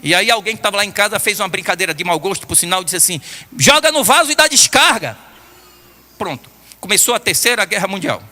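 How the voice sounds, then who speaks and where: Older male pastor, Brazilian Portuguese accent, sermon, very high bright voice, long hall reverb. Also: rapid-fire. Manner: storytelling, animated, bursts of shouting. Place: church hall.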